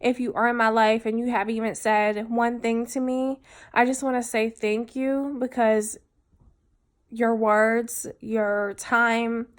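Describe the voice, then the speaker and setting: A woman recording a personal video diary, speaking in a heartfelt, halting way with many pauses and fillers. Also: fairly high pitch, level tone. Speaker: vlogger.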